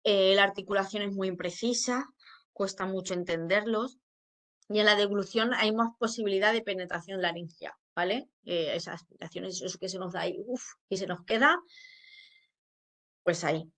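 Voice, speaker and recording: A woman's voice: mid-range voice, moderate pace, fairly bright tone. A woman speech therapist with a Spain Spanish accent gives an informal educational talk. She explains patiently, with many fillers and frequent checks that listeners follow.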